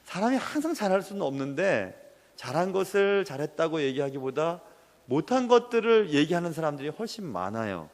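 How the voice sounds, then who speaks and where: A man's voice: high voice, in a large hall. A man preaching a sermon as pastor, earnest and emotional.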